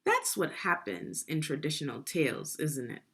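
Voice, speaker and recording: With a low, somewhat breathy voice, a woman teacher reads aloud to children. Her delivery is expressive, careful, and instructive, broken up by pauses for guiding questions.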